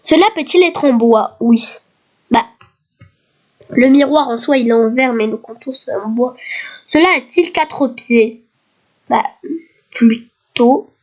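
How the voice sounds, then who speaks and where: Slightly hoarse high-voiced woman, slow. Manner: reads quiz questions aloud slowly, then answers casually. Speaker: youtuber. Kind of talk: casual gaming commentary.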